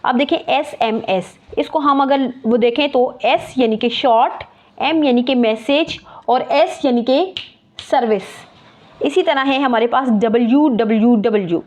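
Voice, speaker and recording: A woman teacher explaining a lesson, spelling words out letter by letter and repeating key terms. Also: on the high side. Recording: muffled lo-fi recording.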